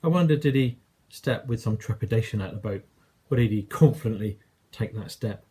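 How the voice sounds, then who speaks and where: A man's voice: lowish voice, brisk, dark tone, slightly rough. A man with an English accent preaching a sermon, telling a story in a conversational way and acting out quoted lines.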